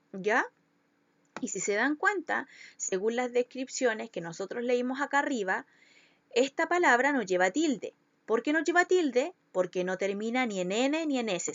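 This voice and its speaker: A woman's voice: a little high, no room sound, highs cut off. A woman schoolteacher, giving a recorded lesson to children and patiently stretching out syllables to show where the stress falls.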